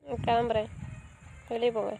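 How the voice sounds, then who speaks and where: A woman's voice: on the high side, level tone, brisk, vocal fry, warm tone, dull audio, soft background music. A woman playing a hurt young wife in an amateur drama, scolding and insisting. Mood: angry. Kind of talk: amateur web drama acting.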